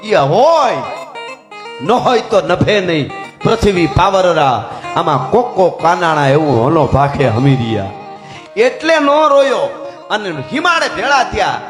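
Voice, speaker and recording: A man with a Kathiawadi Gujarati accent recounts a folk tale in a high, chatty voice, often turning to his listeners with humorous asides. The sound is echoey, with plucked string music playing behind him. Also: very animated, takes it slowly. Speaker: folk storyteller. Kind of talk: dayro folk storytelling.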